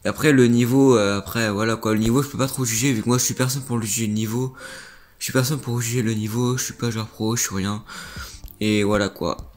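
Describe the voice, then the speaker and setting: A man's voice: mid-range voice, fairly even intonation, a little fast. A young man, a gaming YouTuber, rambling through casual reaction commentary on viewer clips and often repeating himself.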